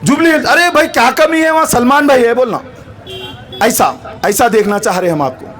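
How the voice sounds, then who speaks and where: A man with a Hyderabadi accent giving a fervent, repetitive campaign rally speech, often shouting. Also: very high voice, normal speed. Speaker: political campaign speaker.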